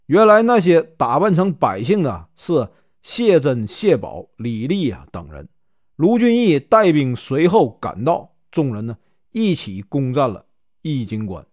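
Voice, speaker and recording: Lively storytelling man, filler-dotted. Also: fairly high pitch, a little slow, dry recording, clean studio sound. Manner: sprinkles filler particles between phrases. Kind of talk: casual storytelling of a classic novel.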